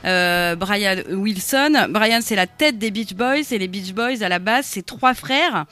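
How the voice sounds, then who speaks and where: Woman radio co-host, casual chatter with fillers, middle pitch, dry studio sound. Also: animated, slow pace, pushed and bright, dry recording. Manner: chatty, many fillers and self-corrections. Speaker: radio music show co-host. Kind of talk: casual on-air music chat.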